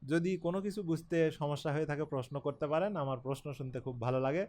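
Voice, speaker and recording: A man with a Bangladeshi accent gives an English pronunciation lesson. His voice sits noticeably high for a man. He talks patiently with many pauses and sounds earnest and encouraging. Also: a little mellow. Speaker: English teacher.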